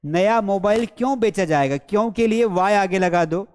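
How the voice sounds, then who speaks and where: A man teaching English grammar in a live online class, repeating example sentences slowly and checking that students follow; his first language is Hindi. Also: high-pitched, a little mellow, long reverb tail. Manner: slow, drilled repetition of example sentences; coaxing, checks understanding with repeated questions. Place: studio with a board and screens.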